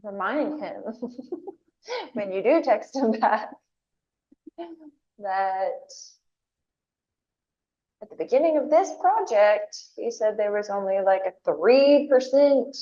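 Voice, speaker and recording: A woman's voice: medium pitch, expressive, takes it slowly, pauses often, mellow. Woman on a muffled prison phone call. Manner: laughs often, wry and knowing. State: speaking from jail. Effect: recorded prison phone call.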